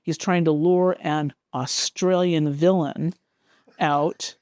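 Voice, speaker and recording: A woman's voice: low-pitched, fairly even intonation, slow, darkish tone, no room sound, clean studio sound. A woman hosting a casual, rambling chat as a comic book collector, flipping through old issues with an amused tone.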